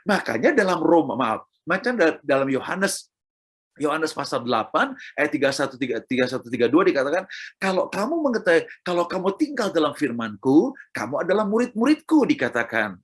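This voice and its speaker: A middle-aged man delivers a sermon with a slightly husky, breathy tone. His pitch swings widely as he drives points home and repeats himself. He speaks straight to his listeners. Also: sing-song, fairly quick. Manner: emphatic, repetitive, addresses listeners directly. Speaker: preacher.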